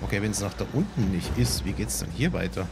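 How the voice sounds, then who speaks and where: A man's voice: lowish voice, expressive, a little fast. A man casually commenting while he plays a game, musing aloud and poking fun at himself. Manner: musing, self-mocking, talks to himself while playing. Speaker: let's play gamer. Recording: game music behind the voice.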